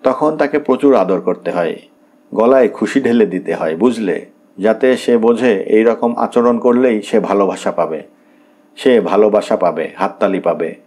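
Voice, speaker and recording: Low-voiced male storyteller reading a story. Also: measured pace, darkish tone. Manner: reads dialogue lines with light character shading. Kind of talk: scripted narration of a classic short story.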